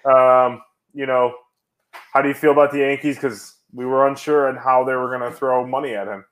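A young man co-hosting a casual sports podcast, excitable and quick to laugh, sometimes bursting into shouts. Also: mid-range voice. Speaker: podcast co-host.

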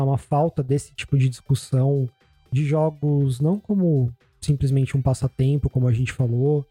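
A Brazilian Portuguese-accented man hosts a casual podcast. His voice is very dark and soft with a husky grain, in a dry recording over faint music. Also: medium pitch, no room sound. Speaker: podcast host. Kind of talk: casual hosting chat.

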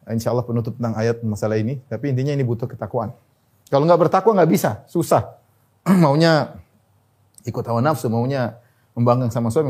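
Cracking jokes and laughing as he preaches, this male Islamic preacher has a slightly rough voice. Arabic phrases come out in a slow drawl, and his pitch and volume climb when he exhorts the listeners.

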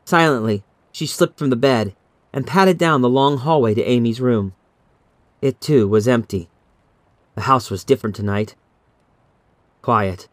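An audiobook narrator reads a scripted horror story in a measured, dramatic, suspenseful manner. His voice is medium-pitched, and the recording has no echo.

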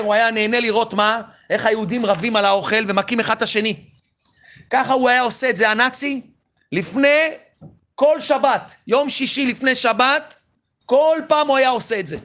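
A rabbi telling a story in a sermon, swinging from loud pleading to hushed near-whispers. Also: male voice, extremely high pitch.

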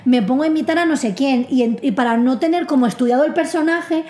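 A woman from Spain, co-hosting a casual chat and quick to interject and protest. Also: high voice, warm tone. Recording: echoey room.

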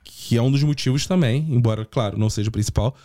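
A man from Rio with a warm, relaxed, mellow tone. He co-hosts a casual podcast, piling up mock-dramatic complaints. The mic sound is close and dry. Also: mid-range voice, fast, no echo. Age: adult with a school-age son. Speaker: podcast co-host. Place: small podcast studio.

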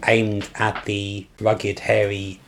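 A British man chatting casually as a podcast co-host, with soft R sounds that come out like w. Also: on the low side, completely flat delivery, slow. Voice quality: can't pronounce R properly, says w for r. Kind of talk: casual chat.

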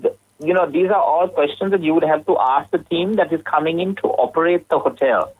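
A hotel worker taking a phone call, polite, patient and matter-of-fact. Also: male voice, on the high side, brisk, slightly rough. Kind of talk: phone conversation.

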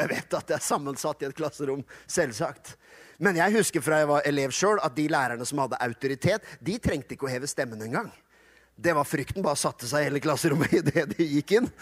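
High-pitched guy preaching, lively funny storytelling. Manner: lively, humorous storytelling with acted-out quotes. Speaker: pastor. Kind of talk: sermon.

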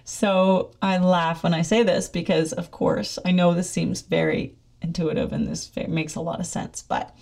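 A woman's voice: on the low side, fairly even intonation, moderate pace, creaky, darkish tone. A middle-aged woman talking casually in a monologue, upbeat and chatty, often laughing as she speaks.

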